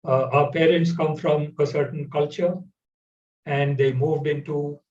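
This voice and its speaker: A man hosts an interview, speaking in a measured way with frequent pauses and fillers. His slightly high voice sounds distant and roomy. The audio is dull, like a video call. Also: little pitch movement, a little mellow. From India. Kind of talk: conversational interview.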